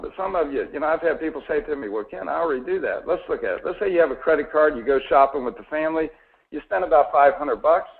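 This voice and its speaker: A man's voice: fairly high pitch, gravelly, husky, narrow, tinny audio. A man presenting a financial seminar to a live audience, folksy and a little sarcastic, often putting questions to the crowd.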